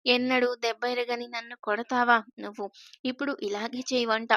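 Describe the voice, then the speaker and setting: Lady doing a cheeky young guy, joking around, fairly high flat voice. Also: brisk, no echo, clean studio sound, close to an everyday voice. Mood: teasing. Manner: mischievous, joking. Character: teasing playful young man, the heroine's suitor.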